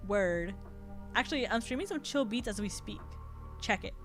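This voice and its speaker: A woman's voice: mid-range voice, lively intonation, normal speed, a bit bright, faint music behind, lightly acted. A woman voicing a self-satisfied young alien streamer in a Valley Girl drawl, full of internet slang, for a game read-through. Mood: smug, casual.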